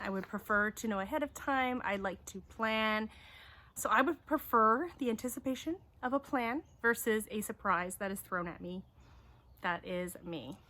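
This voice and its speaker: A woman's voice: medium pitch, sharp tone. A woman who grew up in Taiwan hosts a homeschooling channel, chatting casually outdoors as she answers questions one by one. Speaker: homeschooling YouTube host. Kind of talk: casual chat.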